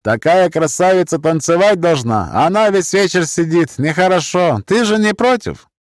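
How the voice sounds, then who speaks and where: A man's voice: sits high, lively intonation, moderate pace, no echo, clean studio sound, pitched above the performer's own voice. A man voicing a drunk middle-aged man who pushily tries to ask someone's girl to dance. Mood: wheedling. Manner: wheedling, pushy.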